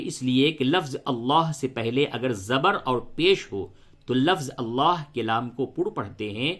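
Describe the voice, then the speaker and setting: A man teaching Quran recitation rules, patiently repeating each point step by step and slowly chanting verses. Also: medium pitch, fairly bright tone. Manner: slow melodic chanting when reciting verses. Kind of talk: tajweed lesson, spelling out letters and reciting.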